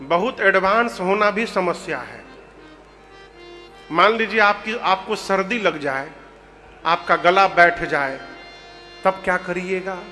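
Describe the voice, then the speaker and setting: A man with a Bhojpuri-tinged Hindi accent giving a humorous devotional sermon, telling rustic, joking stories in a lively way, recorded in a reverberant hall with music behind. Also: sits high, slow pace, pauses often. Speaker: religious storyteller.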